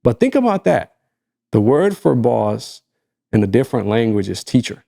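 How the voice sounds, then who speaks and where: The voice is male, medium in pitch, gravelly and warm, moving at normal speed with big swings in pitch. He's an Arabic-speaking Egyptian podcast co-host in a casual, reflective chat who keeps repeating points for emphasis.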